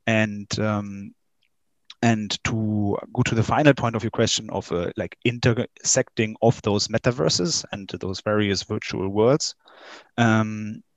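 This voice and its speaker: A young man from Germany, answering interview questions in a halting way with many fillers and restarts. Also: fairly low pitch, no room sound. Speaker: interview guest, game company staff.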